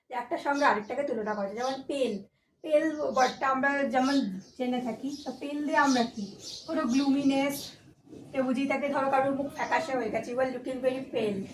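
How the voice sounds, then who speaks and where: High-voiced woman teaching in an echoey room. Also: recorded from a distance, a little hiss or hum. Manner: patient, explains step by step, mixes in English phrases. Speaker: English grammar teacher. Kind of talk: exam-prep lesson explaining answers.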